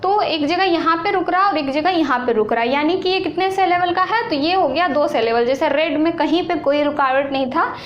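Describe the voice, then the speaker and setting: A woman teaching an exam-prep lesson, explaining slowly and repeating points, asking questions and answering them herself. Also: sits high, lo-fi sound. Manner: slow, repetitive explaining with questions to students. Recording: echoey room with faint noise.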